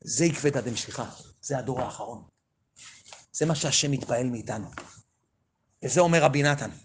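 A rabbi telling a story in a sermon, swinging from loud pleading to hushed near-whispers. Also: male voice, mid-range voice, a little hiss or hum.

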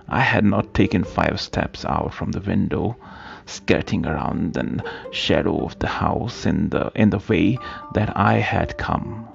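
A man reading a period story aloud in a slow, halting way, often repeating words. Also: lowish voice, creaky, muffled recording. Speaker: narrator.

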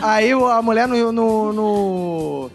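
A Brazilian man telling a light anecdote in a relaxed, amused way. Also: high voice, takes it slowly, creaky, faint music behind. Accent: Brazilian Portuguese. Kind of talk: casual anecdote.

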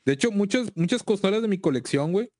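Mexican man, higher-pitched, laddish slangy bro chatting casually, very dry recording. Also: lively intonation, fast, mellow, no echo. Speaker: video game collector. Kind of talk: casual chat.

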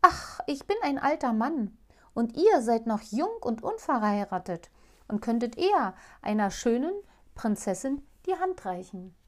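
A woman's voice: fairly high pitch, sing-song, a little slow, a little mellow. A woman voicing a fretful old grand vizier turned stork, protesting indignantly in a fairy tale reading. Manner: indignant, complaining.

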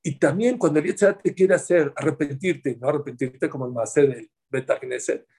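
A man teaching a religious class in an animated way, telling stories and asking his listeners questions. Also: a little high, brisk, gravelly. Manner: animated, asks the audience questions.

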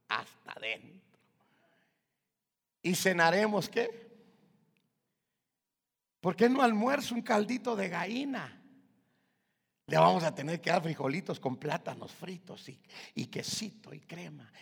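A Guatemalan preacher with a high, gravelly, husky voice delivers a fervent church sermon. He shifts between loud calls and near whispers. His voice carries a long echo through the hall. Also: sing-song, measured pace, long pauses. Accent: Guatemalan Spanish. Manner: swings from shouted calls to hushed whispers, addresses listeners as brother. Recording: long reverb of a large hall.

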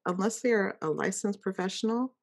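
A woman's voice: medium pitch, moderate pace. A woman coach hosting an interview, encouraging and repeating key phrases for emphasis. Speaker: life coach and podcast host.

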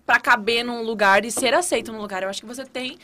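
A woman's voice: fairly high pitch, fast talker, pushed and bright. A woman in casual chat, speaking emphatically and swearing casually. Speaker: online entrepreneur and teacher.

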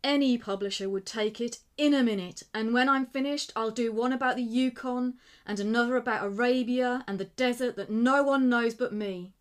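A woman reading the part of an eager young man who wants to be a writer, talking with rising excitement. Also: high voice, clear, resonant tone, natural voice. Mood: excited. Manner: excited, quick, rising with enthusiasm.

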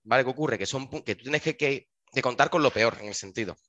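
A man talks quickly and casually about his shelter work, acting out the dialogue of his stories. His voice sounds dry and close, with a slightly dull, lo-fi tone. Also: medium pitch, no room sound. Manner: animated, acts out dialogue in his anecdotes. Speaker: dog shelter worker. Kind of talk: casual chat, storytelling.

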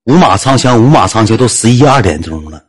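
A man with a Northeastern Chinese accent telling a comic story in a lively, colloquial way. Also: lowish voice, a little fast, slightly rough. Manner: lively, colloquial, acts out voices.

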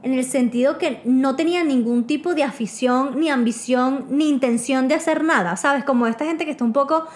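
A woman telling a story in casual chat with friends, animated and laughing, acting out what people said. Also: high-pitched, fairly quick, few pauses. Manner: animated, laughing, acts out quoted lines.

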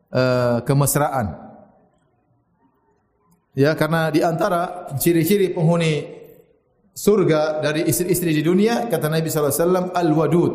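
A man giving a sermon, telling stories lively, quoting Arabic and joking. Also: fairly high pitch. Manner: lively storytelling with Arabic quotes and jokes. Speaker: preacher. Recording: echoey hall.

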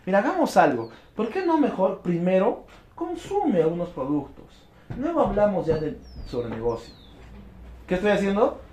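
A high, lively male voice, speaking to a crowd as a motivational speaker. He bounces between voices and acts out little exchanges. The sound is echoey, as if he is in an open hall. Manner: animated, acts out quick dialogues. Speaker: network marketing speaker. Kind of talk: motivational talk to an audience.

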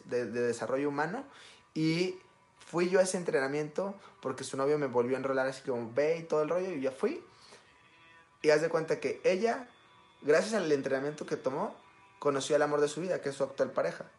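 A young Mexican man with a Mexican Spanish accent giving a casual motivational talk, talking fast and often checking in with the listener. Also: fairly high pitch. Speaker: self-help speaker.

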